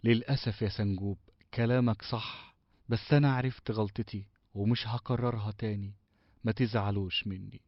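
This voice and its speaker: A guilty, apologetic young male cartoon character, voiced by a man with an Egyptian accent, somewhat low. He talks hesitantly. The audio is dry and a little dull. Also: steady tone, moderate pace, no echo. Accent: Egyptian Arabic. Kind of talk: cartoon voice acting.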